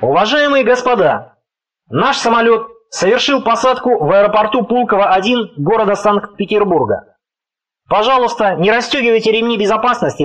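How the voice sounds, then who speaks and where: A man voicing an airline crew member making a formal, polite cabin announcement over a distant loudspeaker. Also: sits high.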